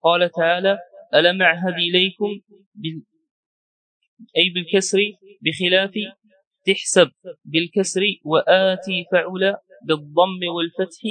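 A male student reading a grammar text aloud in class, carefully and deliberately. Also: high-pitched, steady tone, a bit bright, dry recording, low-quality recording.

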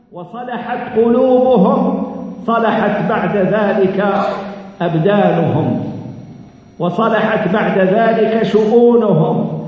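A man preaching a sermon in an Algerian Arabic accent, earnest and emphatic, stretching out key phrases and repeating them. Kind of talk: mosque sermon. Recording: echoey hall, dull low-fi sound.

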